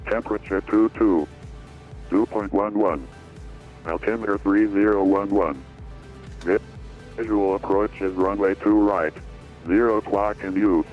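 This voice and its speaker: A man reading a recorded airport weather broadcast, heard over an aircraft radio, in a steady, measured way through numbers and codes. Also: fairly low pitch, faint music behind. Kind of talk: steady scripted readout of weather and runway information. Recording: dull lo-fi radio audio.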